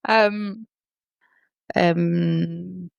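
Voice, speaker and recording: A woman's voice: on the low side, creaky, no echo, muffled recording. A woman co-hosting a podcast over a remote call, chatting casually, rambling and correcting herself with laughs. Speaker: podcast co-host. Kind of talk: casual chat.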